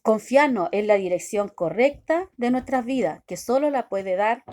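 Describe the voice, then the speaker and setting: A woman giving a devotional sermon, talking haltingly with many restarts and constant questions tagged to her listeners. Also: fairly high pitch, expressive, darkish tone. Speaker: preacher.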